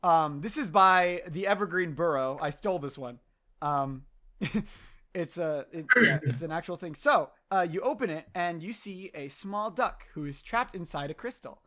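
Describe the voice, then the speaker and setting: A woman's voice: fairly low pitch, normal speed, a bit bright. A woman running a tabletop game as game master, rambling and filling gaps with ums and uhs. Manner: rambling, full of ums and uhs, laughs easily.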